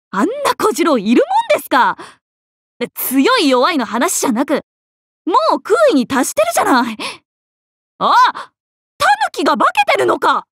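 High, animated young swordswoman, Miyamoto Musashi. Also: no room sound, clean studio sound, full character voice. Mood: astonished, indignant. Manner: playful, expressive, swinging between teasing and flustered. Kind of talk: Japanese anime-style mobile game character acting.

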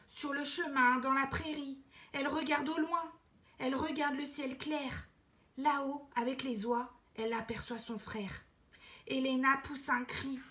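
A woman reading a children's picture book aloud with lively expression, dropping to soft whispers in quiet passages. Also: sits high.

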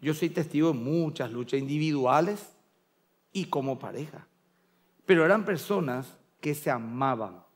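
Middle-aged male Paraguayan pastor, sermon delivery, storyteller, slightly raised pitch. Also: lively intonation, normal speed. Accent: Paraguayan Spanish. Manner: storytelling, acting out family voices in quotes.

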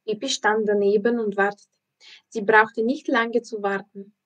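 A woman, a language teacher, narrating a children's audiobook in a careful, expressive reading. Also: medium pitch, measured pace, lo-fi sound.

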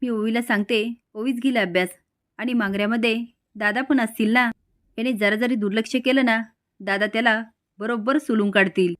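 A woman's voice: a little high, steady tone, normal speed, fairly bright tone, close to an everyday voice. A woman narrator voicing an anxious mother who scolds and fusses over her son in a storytelling recap. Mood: fussing. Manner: fussing, scolding.

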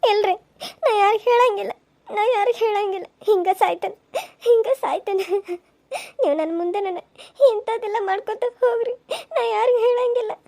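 A woman's voice: extremely high pitch, fast talker. A woman voicing a wronged, pregnant young village wife in a cartoon serial, crying and reproaching. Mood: tearful. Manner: wailing, sobbing reproaches.

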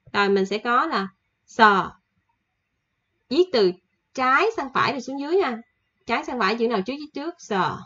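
A woman teaching a casual online language lesson, chatty and repeating each example slowly with fillers. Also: medium pitch, fairly bright tone, muffled recording.

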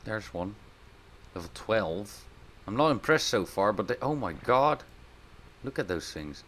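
A man with a lowish voice giving casual gameplay commentary as host of a let's play. He talks through what he is doing and often breaks into loud, surprised outbursts. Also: a little slow, slight background noise. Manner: excitable, bursts into loud surprised exclamations.

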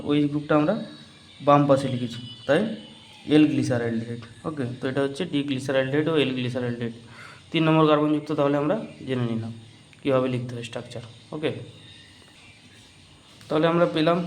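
A man teaching a biology lesson in Bengali-accented speech, asking the class questions and answering them himself, repeating key terms slowly. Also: on the high side, a little hiss or hum. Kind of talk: whiteboard chemistry lesson.

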